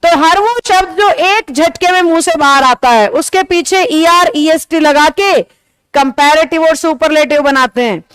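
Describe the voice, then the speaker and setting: A high-pitched woman teacher leads a classroom grammar lesson in a close, dry-sounding recording. She explains patiently, keeps checking whether her students follow, and draws out the key example words slowly for emphasis. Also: fairly bright tone, dry recording. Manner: explains patiently, checks understanding with rhetorical questions. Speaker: English teacher. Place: classroom with a board.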